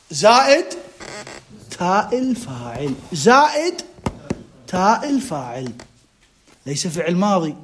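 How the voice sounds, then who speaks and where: A man with an Iraqi Arabic accent teaching a grammar class, quizzing his students with quick rhetorical questions and drawing out key words for emphasis. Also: high voice, slight background noise. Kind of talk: classroom lecture.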